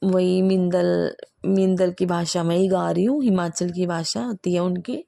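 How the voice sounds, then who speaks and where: Gravelly soft-spoken woman sharing devotion. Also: lowish voice, fairly even intonation, unhurried, dry recording, clean studio sound. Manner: soft, hesitant, many fillers. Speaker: devotional channel host. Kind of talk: personal spiritual testimony.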